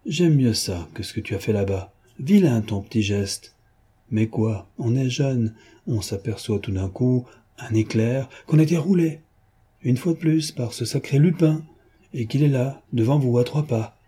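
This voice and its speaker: A man voicing a mocking, boyish gentleman thief who talks to a young man in a teasing, patronizing way. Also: mid-range voice, animated, measured pace, breathy edge.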